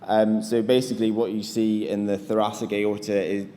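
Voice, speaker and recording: Hesitant low man in a hall. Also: level tone, normal speed, warm tone. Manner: hesitant, many ums and restarts. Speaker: conference presenter answering questions. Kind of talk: conference Q&A. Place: conference hall. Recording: long reverb of a hall, faint noise.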